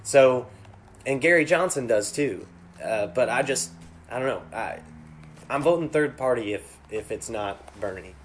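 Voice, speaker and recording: A man chatting casually about politics, restarting his words often and leaving long pauses. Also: medium pitch, lively intonation, slight background noise. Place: cold unheated jam room.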